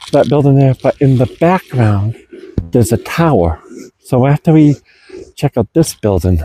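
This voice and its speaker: Mellow-voiced man giving a casual walkthrough. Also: medium pitch, no echo. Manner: chatty, addresses viewers as folks and guys, many ums. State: out of breath. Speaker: host exploring an old fort. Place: outdoors at an old coastal fort.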